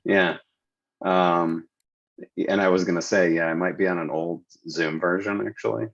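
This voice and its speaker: A man taking part in an online meeting, chatting casually in a relaxed, easygoing way. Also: deep voice, moderate pace, muffled recording. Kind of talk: casual chat.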